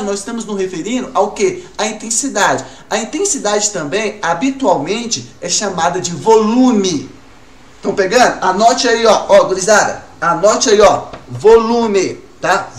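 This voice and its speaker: A man teaching a recorded music class to children, asking questions and answering them himself in a lively way. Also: high-pitched, distant mic. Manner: lively, talks to pupils as "gurizada", asks and answers his own questions. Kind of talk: recorded online class for kids. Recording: roomy, from off-mic, faint room noise.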